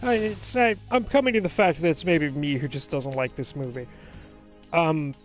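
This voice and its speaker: A man hosting a let's play, chatting casually and recapping a film in a rambling, animated way full of fillers. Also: on the high side, normal speed, faint music behind.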